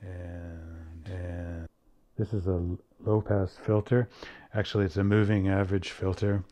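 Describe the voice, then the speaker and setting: A man casually explaining a software demo while his voice runs through a low-pass filter that leaves it muffled, with only the bass left. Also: level tone. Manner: plain, unhurried explaining. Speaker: software demonstrator. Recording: voice run live through an app's audio filter, with music.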